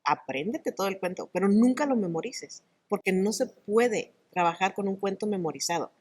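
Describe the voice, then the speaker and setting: A middle-aged woman, an actress and oral storyteller, talking in an interview in an animated, expressive way. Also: mid-range voice, moderate pace. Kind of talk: conversational interview.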